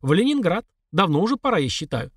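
A man voicing a tall, lanky, mysterious stranger who talks calmly and with amusement. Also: sits high, fast talker, husky, dry recording, clean studio sound, voice pushed up, exaggerated voice. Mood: amused.

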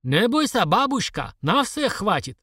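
A man doing a husky Caucasian market seller. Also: sing-song, measured pace, no room sound, clean studio sound, exaggerated voice. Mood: brash. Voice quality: husky baritone. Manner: broken Russian, brash and loud. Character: stocky Caucasian man selling onions, brash.

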